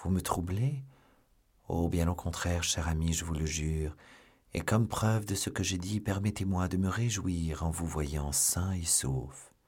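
A man voicing a young male musketeer turned earnest, pious seminarian who speaks gently. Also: low-pitched, measured pace, slightly rough. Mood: gentle, earnest.

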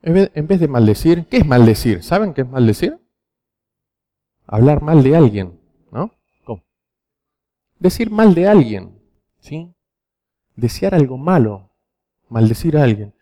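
A man's voice: fairly high pitch, sing-song, a little slow, pauses often, warm tone. A man preaching to teenagers with a Rioplatense Spanish accent, telling stories and often checking in with a rhetorical "¿sí?". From Argentina. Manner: storytelling, frequent rhetorical "¿sí?" checks. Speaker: youth preacher. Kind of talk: sermon to teenagers.

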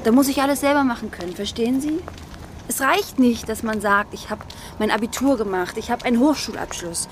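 With a voice on the high side and a fairly quick pace, an actress lightly acts the part of an earnest, outspoken schoolgirl from a well-off family in a German radio drama. She speaks formally, emphatically and probingly, in a confiding, earnest mood, and a little hiss or hum is audible.

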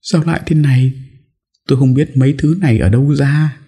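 A man's voice: mid-range voice, fairly quick, mellow, husky, pitched above the performer's own voice. A man voicing a distraught young wife who pleads tearfully that she has been framed. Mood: pleading tearfully. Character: young woman, anxious and wronged, pleading.

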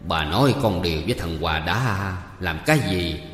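An older village husband speaking low and hushed, trying to calm his wife, as a man voices him. The room is echoey, with a long reverb trailing his words. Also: moderate pace, soft background music, lightly acted. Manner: hushed, soothing then stern. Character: older village husband, calming, quietly stern.

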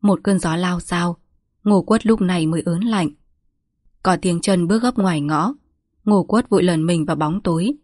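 Female storybook narrator, steady and even, dry close recording. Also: on the low side, normal speed, no echo.

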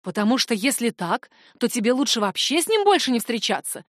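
A woman voicing a stern, fearful middle-aged mother who scolds in a sharp, commanding way. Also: on the high side, very animated, brisk, no room sound, clean studio sound.

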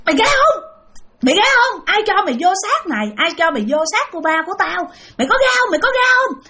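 A woman's voice: very high voice, big pitch swings, fast talker, pitched above the performer's own voice, exaggerated voice. A woman doing a shrieking possessed aunt. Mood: scolding. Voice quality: strange, harsh shouting. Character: middle-aged aunt possessed, scolding a spirit.

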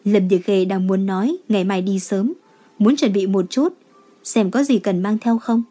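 A woman reading a romance novel aloud as an audiobook narrator, telling the story in a steady manner. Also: medium pitch, moderate pace. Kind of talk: scripted narration.

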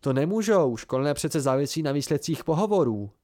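A man reading an amateur audiobook, voicing an eager, excitable young male student. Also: on the high side, natural voice. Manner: eager and indignant.

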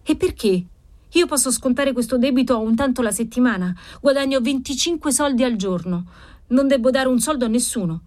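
A woman's voice: high-pitched, expressive, brisk, darkish tone, voice pushed up. A woman reading a story aloud, voicing an eager young seamstress who pleads in a raised voice. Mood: pleading. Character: eager young seamstress girl asking a loan.

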